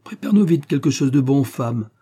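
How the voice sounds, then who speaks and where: A man's voice: lowish voice, brisk, warm tone, slightly rough. A man voicing a hearty, loyal middle-aged farmer in an audiobook, jovial and earnest.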